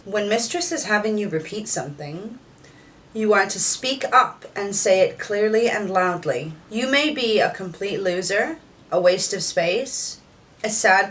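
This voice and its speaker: Stern, commanding woman giving orders. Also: mid-range voice. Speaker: dominatrix content creator. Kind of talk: scripted monologue to the viewer.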